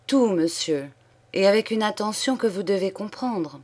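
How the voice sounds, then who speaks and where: A woman reading the part of a dignified young viscount, who speaks clearly and in measured terms. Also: mid-range voice, expressive, a little mellow, voice pushed up. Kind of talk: audiobook character reading.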